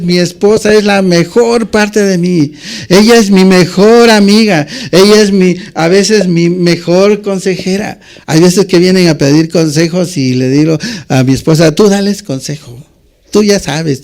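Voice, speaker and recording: A man's voice: fairly high pitch, a little mellow. A male pastor, preaching in a conversational way and checking in with the congregation with constant tag questions. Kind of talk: sermon.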